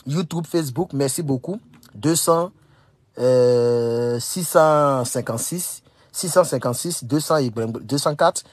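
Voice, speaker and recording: A man's voice: medium pitch, measured pace, slightly rough, dry recording. A young man from Burkina Faso, talking straight to camera, emphatic, repeating phrases and scolding his listeners. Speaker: political commentator. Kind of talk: casual direct-to-camera monologue.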